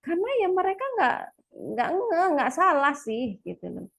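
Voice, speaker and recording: A woman talking frankly to a live audience about her own parenting. She is chatty, laughs often, and leaps into a sharp high voice when she acts out quoted lines. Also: big pitch swings, normal speed, gravelly. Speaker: speaker sharing parenting experience. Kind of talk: casual talk to a live audience.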